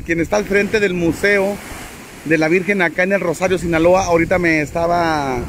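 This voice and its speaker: A man live-streaming outdoors from a high spot by the sea, chatting and joking with his viewers and greeting them by name. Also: noisy background. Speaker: vlogger. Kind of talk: casual live stream from the seafront.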